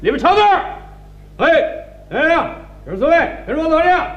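A man doing a shrill old-time ticket hawker. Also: very animated, fairly quick, fairly bright tone, echoey room, lo-fi sound, exaggerated voice. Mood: hawking. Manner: sing-song hawker's cry. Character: shouting old Beijing theater ticket hawker, male.

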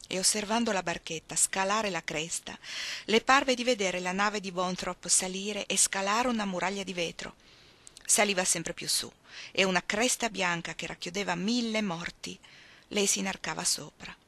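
Brief: female reader for literary narration, measured and expressive, bright voice. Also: mid-range voice. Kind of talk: scripted narration of a novel.

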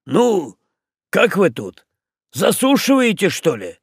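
A man voicing a gruff, hot-tempered old male sailor who shouts and curses. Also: high-pitched, wildly swooping pitch, slow, no echo, studio quality, voice pushed up, heavily acted. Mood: shouting. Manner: shouting, cursing.

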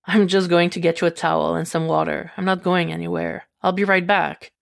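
A woman reader voicing a confident, playful young man who speaks gently and reassuringly in a podfic. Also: high-pitched, flat delivery, fairly quick, creaky, no echo, studio quality.

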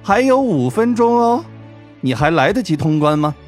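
A man's voice: sits high, sing-song, normal speed, faint music behind, voice pushed up. A man voicing a scheming young woman who speaks in a mocking, cold, taunting way.

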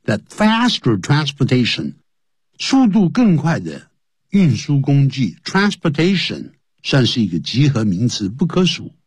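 A man's voice: medium pitch, wildly swooping pitch, a little slow, breathy edge, dry recording, studio quality. A man teaching English on the radio, explaining phrases in Chinese and spelling words out letter by letter.

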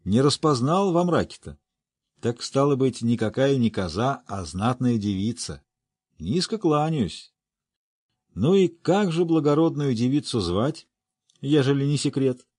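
A man voicing a gruff, boisterous older male dwarf who talks in a rough, folksy, teasing way. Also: mid-range voice, big pitch swings, measured pace, darkish tone, no echo, studio quality, voice pushed up. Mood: gruff jovial.

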